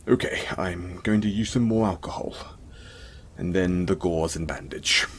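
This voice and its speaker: A man with a low voice, speaking a little slowly, plays a gentle, caring and self-conscious centaur in intimate audio roleplay. He sounds soothing, hesitant and apologetic, soft-spoken and caring, over a slight hiss or hum.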